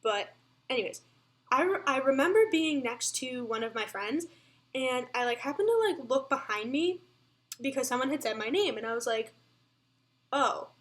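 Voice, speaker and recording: Young woman rambling through a storytime vlog, lots of likes, kinda high voice. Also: lively intonation, moderate pace. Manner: chatty, many fillers, breathless retelling. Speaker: vlogger.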